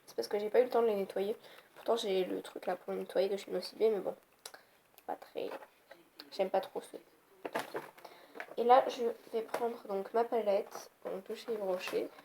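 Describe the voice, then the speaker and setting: A woman's voice: mid-range voice, fairly even intonation, normal speed, vocal fry, pauses often, mellow. A young woman giving a casual, rambling makeup tutorial at home, easily annoyed. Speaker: beauty vlogger. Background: faint noise of passing cars.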